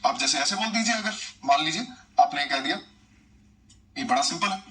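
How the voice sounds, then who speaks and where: A man's voice: on the high side, animated, normal speed, pushed and bright, recorded from a distance, rough recording. A man teaching English grammar, chatty, repeating points and quizzing his students. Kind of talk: live online class, explaining in Hindi.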